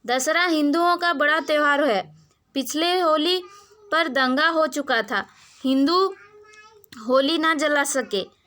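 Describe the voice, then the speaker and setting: A woman teacher reads a story passage aloud to her pupils in a high, bright voice. She then goes back over it in plainer words, stopping to put questions to the class. Her talk is full of small hesitations and restarts. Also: takes it slowly, pauses often. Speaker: school teacher.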